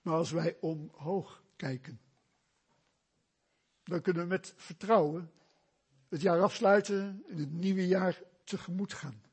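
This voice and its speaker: Slow, husky-voiced preacher. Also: male voice, high-pitched. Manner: slow, emphatic preaching with rhetorical questions. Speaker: pastor. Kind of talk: sermon.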